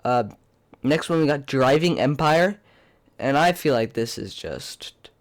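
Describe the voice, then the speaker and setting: A man's voice: medium pitch, animated, measured pace. A young man with a congested, pinched-nose voice from a cold, giving rambling, blunt, casual commentary as a YouTuber. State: sick with a cold. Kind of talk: casual opinionated video commentary.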